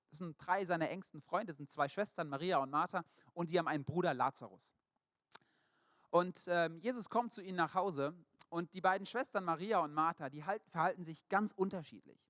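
A male preacher with a fairly high voice tells stories in a lively, animated way during a sermon, slipping into the voices of the people he describes. The recording is dry and close, with no room sound. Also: no room sound.

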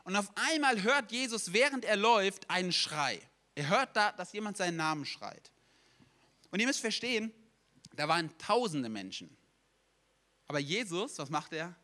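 A young man preaching a sermon, telling stories in a lively way and acting out quotes casually. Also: high voice, normal speed.

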